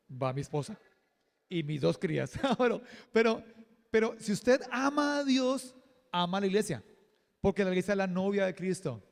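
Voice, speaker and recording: A man preaching a sermon as pastor, lively and joking, acting out quotes. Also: high voice, gravelly, big-room sound. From Colombia. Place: church hall.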